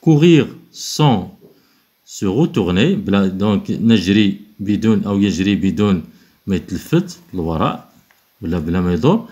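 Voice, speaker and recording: Moroccan man teaching, slow dictation. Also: sits low, lively intonation, mellow, highs cut off. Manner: switches between quick explaining and slow, spelled-out dictation. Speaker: French teacher. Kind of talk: explaining school exercises.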